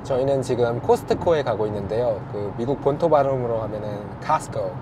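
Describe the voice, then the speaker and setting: A young man narrates a casual vlog in a matter-of-fact, playful way, speaking very quickly. Clear background noise surrounds him. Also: mid-range voice. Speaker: vlogger.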